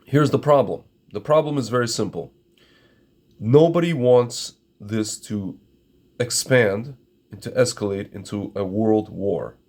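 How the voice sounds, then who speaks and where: A middle-aged commentator from Ukraine, a native Russian speaker, delivers an opinionated monologue to his viewers, emphatically repeating phrases and often calling them "my friends." His voice is on the low side, darkish in tone, and unhurried.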